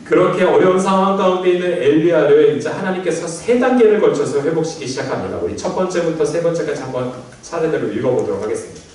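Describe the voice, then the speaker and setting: A male pastor giving a sermon in a church, speaking in a gentle, conversational way and leading the congregation in readings. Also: a little high, animated, quick pace, few pauses. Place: church sanctuary. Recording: very echoey church hall, mic at a distance.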